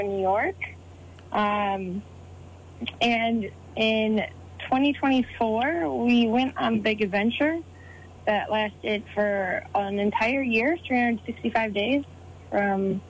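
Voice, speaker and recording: A woman in her thirties answering interview questions, telling her story in a measured way. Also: a little high, slight background noise, low-quality recording. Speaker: guest.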